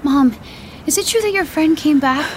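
A woman's voice: high-pitched, animated, moderate pace, darkish tone, a little hiss or hum. A young woman playing a stubborn, caring daughter in an audio drama, earnest and a little cheeky. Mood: worried, earnest.

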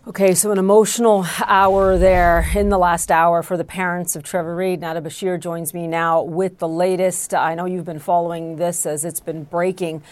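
Brisk woman news anchor, lowish voice. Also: level tone. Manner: brisk, polished. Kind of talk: studio news presentation.

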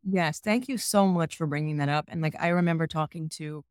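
A woman's voice: low-pitched, fairly quick, clean tone, no room sound. Woman, psychologist guest, earnest explainer, dry close-miked voice. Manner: earnest, explanatory, tells patient stories. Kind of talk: conversational podcast interview.

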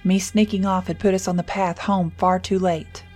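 A woman narrating a scripted horror story in first person, measured and suspenseful. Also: lowish voice, flat delivery, darkish tone, faint music behind.

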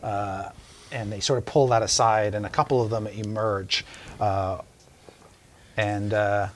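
A man from Canada narrating a tabletop game as game master, relaxed and halting. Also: on the low side, a little hiss or hum.

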